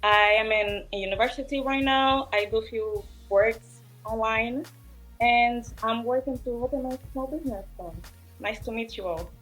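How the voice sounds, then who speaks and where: A woman in her twenties, from Portugal and raised in Angola, answering interview questions in a hesitant way with many pauses. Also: on the high side, steady tone, a bit bright, soft background music, rough recording. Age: 20s. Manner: hesitant, many ums and uhs. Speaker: interview guest. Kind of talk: casual interview.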